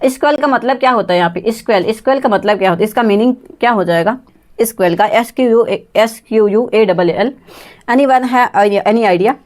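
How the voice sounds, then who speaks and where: The English exam-prep teacher sounds somewhat high-pitched and slightly mellow here, keeping a moderate pace. During her live online lesson she addresses students by their chat names, spells words letter by letter, asks the group for answers and laughs a lot.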